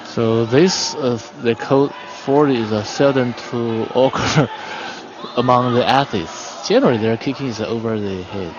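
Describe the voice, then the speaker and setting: A male expert commentator gives technical martial arts commentary in halting, explanatory non-native English at a medium pitch. The broadcast audio is muffled and dull, with music playing behind him in the venue.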